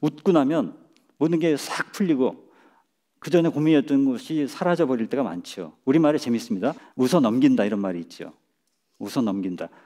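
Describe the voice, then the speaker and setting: A middle-aged man giving a public lecture on a stage, speaking in a measured way and chuckling at his own jokes. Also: mid-range voice, mellow. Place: lecture stage before an audience.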